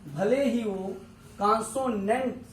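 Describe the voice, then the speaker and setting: A man teaching a grammar lesson, explaining slowly and repeating each point, often asking if it is clear. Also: high-pitched, roomy sound, far from the mic, a little hiss or hum, rough recording. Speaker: English teacher.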